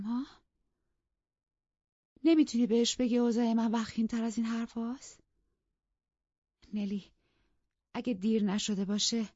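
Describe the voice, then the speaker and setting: A distraught young lady wasting away, as a woman narrator puts her on, her voice pitched high and pleading in frantic, self-pitying bursts. The sound is dry and a little dull, as from a close studio mic in an audiobook. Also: warm tone, dry recording, lightly acted. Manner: pleading, agitated, frantic outbursts.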